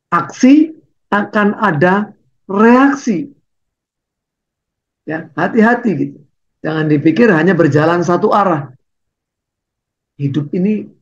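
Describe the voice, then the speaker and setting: A preacher giving a storytelling sermon in a conversational way, with frequent tag words and sudden dramatic rises in voice. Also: mid-range voice. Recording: dull lo-fi recording.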